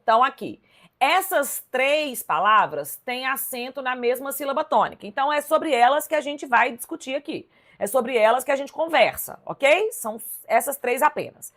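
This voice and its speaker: A Brazilian Portuguese teacher with a fairly high voice and a Brazilian Portuguese accent teaches a live online class at normal speed. She works through exam questions in a lively, emphatic style, speaking straight to viewers with "ó" and "tá vendo?" to make sure they're following.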